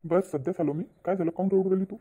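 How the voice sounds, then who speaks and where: A voice actor plays a gentle, trusting cartoon husband who calms and reassures his wife. The voice is dark and mellow, and the words tumble out very fast. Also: mid-range voice, husky, close to an everyday voice. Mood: reassuring. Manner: soothing, reassuring. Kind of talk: cartoon voice acting.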